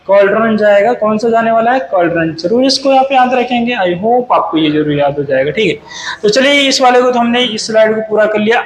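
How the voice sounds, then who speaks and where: High-voiced male teacher, sing-song quizzing. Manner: sing-song quizzing, mixes Hindi and English words. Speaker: English teacher. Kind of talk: exam-prep lesson going through slides. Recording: echoey room with faint noise.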